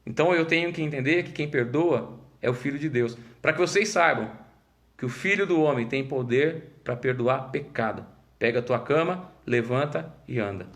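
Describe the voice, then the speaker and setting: A man's voice: mid-range voice, normal speed, a bit bright. A man with a Brazilian Portuguese accent, a pastor teaching a conversational Bible study who acts out the story's dialogue and often repeats words while he thinks.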